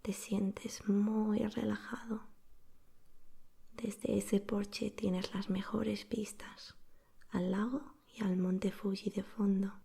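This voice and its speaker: A woman narrates a bedtime story in a soft, breathy whisper. Her tone is mellow and very even, with little rise or fall. The delivery is soothing, hushed ASMR storytelling. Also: mid-range voice, slow.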